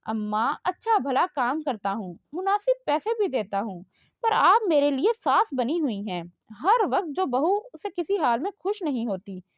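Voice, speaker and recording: A woman voicing a sharp-tongued, teasing young army officer in a read-aloud romance novel. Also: high voice, sing-song, dry recording. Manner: teasing, quick comebacks. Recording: dull lo-fi dry recording.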